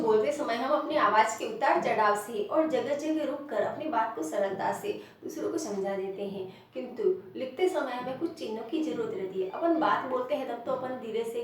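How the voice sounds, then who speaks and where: A woman teacher with a Rajasthani Hindi accent, giving a classroom lesson, explaining slowly and repeating example sentences with stress. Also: on the high side, darkish tone, distant mic, a little hiss or hum. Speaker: primary school teacher. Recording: very echoey room, voice off-mic.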